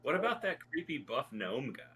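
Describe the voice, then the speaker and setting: Bright-voiced joking man player. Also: medium pitch, sing-song, fairly quick, slight background noise, rough recording. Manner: joking, scheming. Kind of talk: casual tabletop play.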